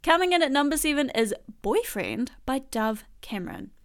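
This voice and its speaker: A young woman, her voice sitting a little high, chats through a casual song countdown. She talks in an animated, slangy, gushing way. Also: normal speed. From New Zealand. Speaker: host.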